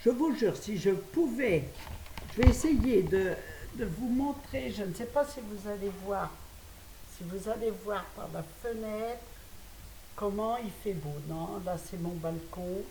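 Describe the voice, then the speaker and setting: An older woman from France chatting quickly to her phone camera at home, laughing at her own stories. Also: mid-range voice, animated, dark tone. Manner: fast, chatty, laughing at herself. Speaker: vlogger. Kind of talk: casual chat to camera. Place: her apartment, indoors. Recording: roomy, distant phone audio with faint hiss.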